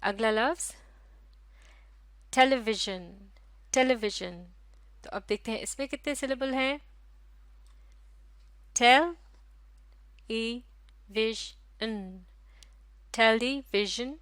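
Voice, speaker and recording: A woman teacher with a Pakistani Urdu accent giving a recorded lesson to young pupils, drawing out each word slowly so they can repeat it. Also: on the high side, dry recording. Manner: slow, drawn-out pronunciation of words for repetition.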